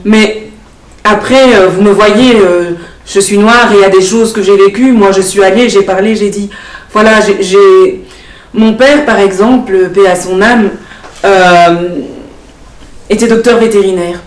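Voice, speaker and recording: A young woman, an election candidate speaking earnestly in a TV studio interview, pausing often with fillers. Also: mid-range voice, fairly even intonation. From Belgium. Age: young adult. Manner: earnest, hesitant, many fillers. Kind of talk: studio talk show interview. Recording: echoey studio, distant mic.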